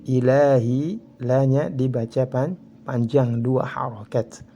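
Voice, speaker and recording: A man's voice: medium pitch, unhurried, vocal fry, dark tone, a little hiss or hum. A man with an Indonesian accent teaching Quran recitation rules, explaining each rule and then reciting examples drawn out. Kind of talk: tajwid lesson with recited examples.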